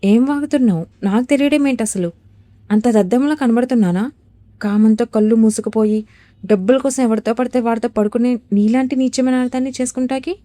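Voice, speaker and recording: A raging young husband spits sneering insults and shouts at his new wife, as a woman voices him. The voice has a warm, mellow tone, recorded close and dry with no room sound. It plays as an audio storybook drama. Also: on the high side, a little fast, no room sound, natural voice. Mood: mocking rage. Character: furious jealous young husband, harsh and cruel.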